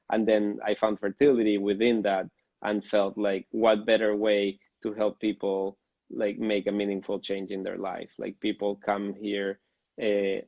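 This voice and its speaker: A man in his thirties from Venezuela, a fertility doctor answering interview questions in a thoughtful, measured way. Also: fairly low pitch, creaky, no room sound, muffled recording. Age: 30s. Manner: thoughtful, measured explaining with fillers.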